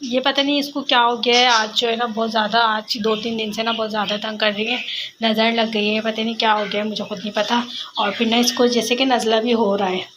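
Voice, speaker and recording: A woman's voice: a little high, level tone, fairly quick. A young woman with a sore throat, chatting casually while cooking at home for her family vlog, rambling with many fillers. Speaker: family vlogger. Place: home kitchen. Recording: loud background noise.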